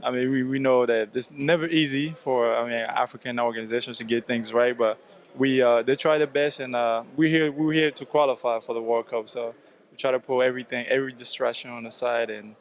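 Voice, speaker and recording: A young man from Ivory Coast, a basketball team captain, giving relaxed, easygoing interview answers. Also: mid-range voice, fairly quick. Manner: relaxed, easygoing, repeats "I mean".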